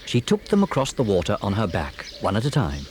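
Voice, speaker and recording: A man narrating a children's fairy tale on a storybook cassette with an expressive, dramatic delivery. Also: lowish voice, brisk, a little hiss or hum.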